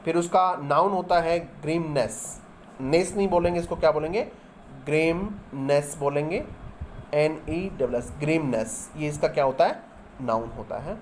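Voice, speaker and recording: A man's voice: on the high side, moderate pace, darkish tone, a little hiss or hum. A man teaching English vocabulary, explaining each example in Hindi and spelling words out letter by letter. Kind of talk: vocabulary lesson.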